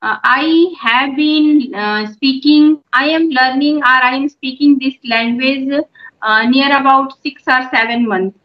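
A middle-aged mother who runs a YouTube channel practices English conversation on a phone video call from a room at home. Her voice is high, and she is measured and encouraging, with filler pauses, over dull lo-fi call audio.

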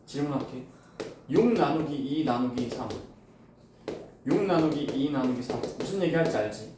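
A man teaching a classroom math lesson, explaining step by step and firing quick questions at his students. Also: mid-range voice, expressive, background noise. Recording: echoey room, voice from far off.

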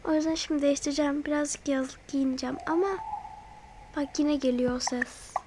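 A channel host with a high-pitched, steady voice talks a little fast over a noisy background. Chatty and easily frightened, she speaks directly to her viewers while voicing a role-play over a mobile game, gasping and fretting as she goes.

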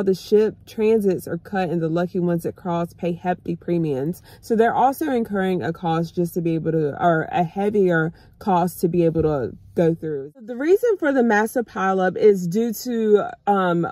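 A woman's voice: lowish voice, mellow, no echo. A woman in her thirties from the US, chatting casually to her viewers from a parked car, calling them y'all. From United States. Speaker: vlogger. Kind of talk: casual chat to camera. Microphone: phone camera on dashboard.

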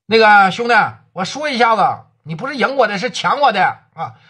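An excitable, easily stirred rural tough, as a male storyteller puts him on, talking in a raised, husky Northeastern Mandarin voice. He sounds worked up and keeps his pitch high. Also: moderate pace. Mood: indignant.

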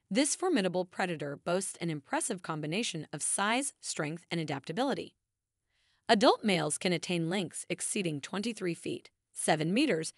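A woman reading scripted nature documentary narration in a measured, formal, grandly emphatic way. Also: lowish voice, no room sound, clean studio sound.

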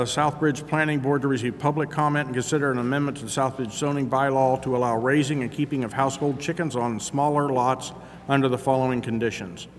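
A man in his fifties, a town councilor reading meeting minutes aloud at a desk microphone. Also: mid-range voice. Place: large indoor council chamber. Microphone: gooseneck desk microphone. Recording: echoey council chamber with noise.

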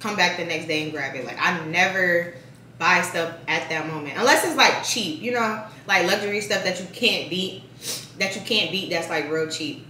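Talking as she eats, this young woman vlogger keeps up a casual, chatty mukbang stream, leaning heavily on "like." Her lowish voice sounds pushed and bright at a moderate pace. There's slight background noise, with echoey room sound from a distant mic.

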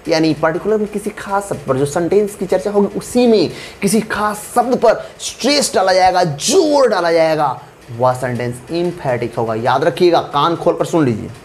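A man's voice: sits high, lively intonation, moderate pace, slight background noise. A man lecturing as an English grammar teacher, mixing Hindi and English, stressing and repeating key terms as he drills his students.

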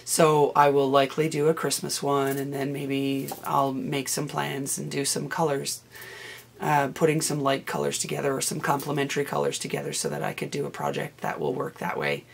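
A knitting vlogger, hoarse from a cold, chatting casually to camera in a rambling, self-correcting way. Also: medium pitch, normal speed.

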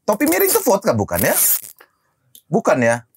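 A man making playful quick interjections in a casual group chat. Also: high-pitched, huge pitch swings, gravelly, husky.

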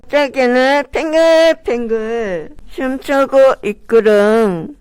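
A woman playing a small, friendly ladybug in a children's shadow play, with drawn-out storybook speech and a wistful air. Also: high voice, a little mellow, smooth, no echo.

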